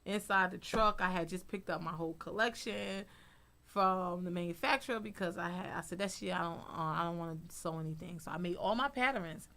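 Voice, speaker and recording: A woman guest on a talk show, a fashion designer telling stories in a blunt, chatty way and jumping into a high voice to act out what people said. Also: brisk. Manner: lively storyteller, acts out quotes in a high voice; blunt, chatty, says "honey" often. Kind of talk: casual talk-show interview.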